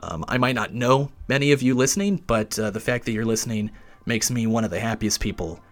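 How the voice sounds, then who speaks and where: A man hosts a podcast from inside a closet in a basement. His pitch swings widely as he reads a scripted story with wry, lively humor, then drops into a relaxed, grateful sign-off. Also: a little fast. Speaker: podcast host.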